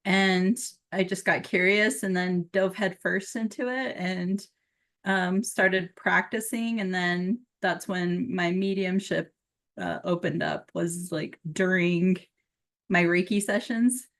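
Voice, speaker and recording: A woman from Utah talking as a guest in a podcast interview, relaxed, with lots of "um" and "you know" and frequent laughs. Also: fairly low pitch, takes it slowly. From Utah, USA. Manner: relaxed, laughing, filler-heavy. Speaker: guest, psychic medium. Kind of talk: casual interview chat.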